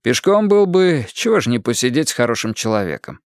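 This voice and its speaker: Guy voicing a cocky young dude, teasing, laid back, lively tone, dry sound. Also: mid-range voice, brisk, clear, resonant tone, no room sound. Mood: amused. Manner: easygoing, teasing. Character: cheerful, cocky young man. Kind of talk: audiobook character voice.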